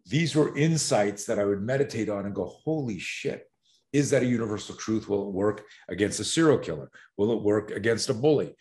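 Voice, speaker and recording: A middle-aged man with a fairly low, darkish voice tells a story as a podcast guest, speaking briskly with few pauses. He acts out voices and sounds and laughs often, keeping the interview lively.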